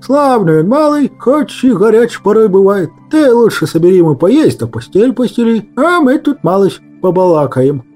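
A man voicing a cryptic old man who speaks in slow riddles, raised in pitch. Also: big pitch swings, a little mellow, soft background music. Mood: knowing. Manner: drawling riddling talk. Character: sly cryptic old man, calm and knowing.

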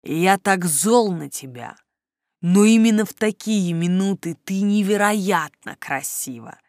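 A woman reading an audiobook voices a possessive, hot-tempered male dragon lord in a low, hushed, intense voice. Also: animated, a little slow, no room sound, studio quality. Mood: tender, hushed.

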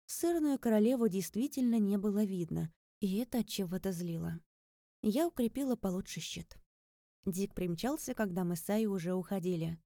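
A woman narrates a first-person story with a wry edge. Her voice is warm and mellow. The recording is dry and close to the mic. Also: mid-range voice, moderate pace, dry recording. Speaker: audiobook narrator. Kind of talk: scripted narration.

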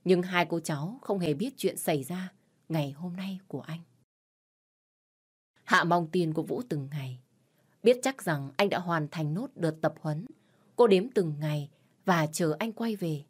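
Husky, low-voiced woman storyteller. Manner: steady, measured storytelling. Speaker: narrator. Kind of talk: audio story narration.

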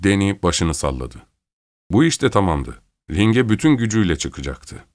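A man's voice: deep voice, sing-song, a little slow, no room sound, studio quality. A man narrating a story aloud and changing his voice a little for each character. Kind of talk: storybook reading.

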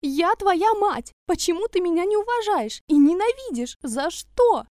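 A woman voicing a hysterical wealthy mother who shrieks and wails in drawn-out cries. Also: animated, a little mellow, no echo, studio quality. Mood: hysterical shrieking. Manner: shrill wailing, drawn-out cries.

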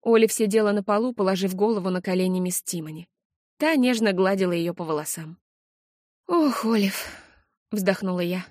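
A woman narrates an audiobook in the first person, steady and expressive. Her voice sits in a middle pitch. The recording is dry and close, with no room sound. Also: a little fast, dry recording.

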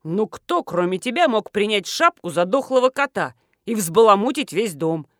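A woman voicing a gruff, bossy middle-aged male colonel who grumbles and is pleased with himself. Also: medium pitch, sing-song, fairly quick, pushed and bright, no room sound, studio quality. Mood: irritated. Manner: grumbling, self-satisfied.

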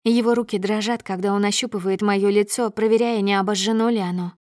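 A woman reading a first-person story aloud in a measured, dramatic storytelling manner. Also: medium pitch, fairly even intonation, darkish tone, dry recording, clean studio sound. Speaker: audiobook narrator. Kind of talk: first-person audiobook narration.

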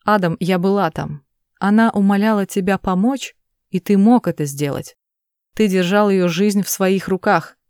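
A woman's voice: mid-range voice, normal speed, darkish tone, no room sound, clean studio sound, lightly acted. Woman reading as a tearful pleading mother. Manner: pleading, urgent. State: crying.

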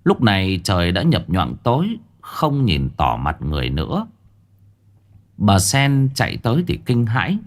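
A man narrating a ghost story in an animated, vivid way. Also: fairly low pitch, measured pace.

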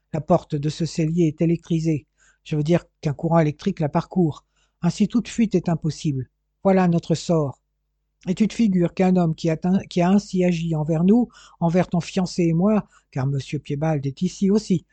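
A man reading an audiobook, voicing a bitter, scornful older male gem dealer who talks sarcastically and forcefully. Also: a little high, no echo, close to an everyday voice.

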